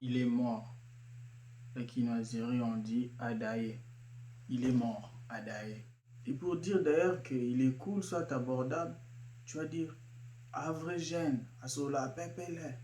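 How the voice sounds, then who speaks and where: A man explaining slang terms one by one, repeating each word and pausing with fillers. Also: mid-range voice, dark tone, echoey room, slight background noise. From Kinshasa, DR Congo. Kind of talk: casual explanatory talk.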